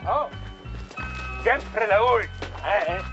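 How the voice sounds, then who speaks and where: A man's voice: high-pitched, drawn-out words. A man playing a theatrical, exclaiming showman who readies dogs for an entrance. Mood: showy. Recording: dull TV audio under loud music.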